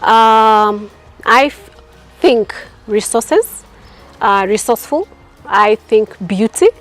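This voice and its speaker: A woman's voice: fairly high pitch, slow pace, faint music behind. A middle-aged woman, answering interview questions in an earnest, reflective way, building her points through lists of repeated phrases. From Kenya. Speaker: entrepreneur and guest. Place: outdoors at a housing estate.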